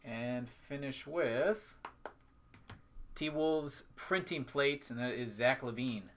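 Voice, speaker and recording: A man's voice: medium pitch, slow pace, a bit bright, a little hiss or hum. A man hosting a live trading card break, calling out items in short, clipped announcing phrases. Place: indoors at a tabletop with a display backdrop.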